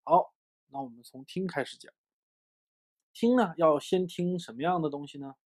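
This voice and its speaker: A man from China giving an English lesson, explaining with lots of fillers and lively emphasis. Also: a little high, moderate pace. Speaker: English teacher. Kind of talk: online lesson.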